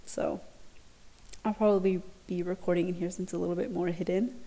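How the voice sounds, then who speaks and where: Young female podcast host, low and creaky, self-conscious and hesitant, chatting solo into an earphone mic. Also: little pitch movement, a little fast, dark tone. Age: young adult. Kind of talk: casual solo podcast update. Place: dorm study lounge. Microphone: laptop recording with earphone mic.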